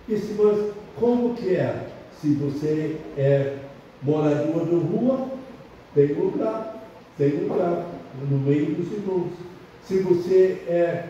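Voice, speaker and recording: This is a slightly high, mellow male voice with a little background noise. He's an older pastor born abroad, not in Brazil, and not a native Portuguese speaker, delivering an emphatic, repetitive sermon in a language he learned. A distant, muffled mic captures him in a heavily echoing church hall.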